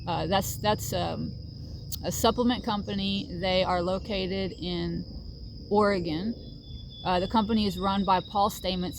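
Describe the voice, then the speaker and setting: A woman's voice: medium pitch, a little hiss or hum. A middle-aged woman talking casually to camera about her healing journey, earnest and reflective, with many fillers. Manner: earnest, reflective, with frequent fillers and soft laughs. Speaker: vlogger sharing a healing journey. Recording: faint outdoor ambience with crickets.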